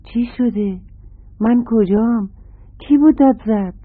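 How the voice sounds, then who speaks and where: A startled baby monkey fires off confused questions in a children's radio tale, voiced by the storyteller. The voice is raised, high and flustered. The sound is thin and phone-like. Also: lightly acted.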